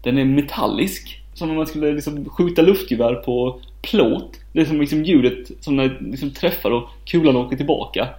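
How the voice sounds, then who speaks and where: A man's voice: a little high, hardly any pauses, a little mellow. A man co-hosting a casual chat who laughs often, mocks himself and rambles with many restarts. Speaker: podcast co-host.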